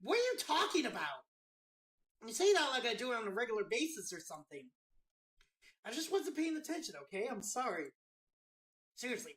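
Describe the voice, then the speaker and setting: Prickly teen girl from a game, read out by a man, bright and lively delivery. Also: high voice. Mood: snippy. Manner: defensive then awkwardly apologetic. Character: irritable teenage girl, prickly but sorry. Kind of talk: reading game dialogue aloud.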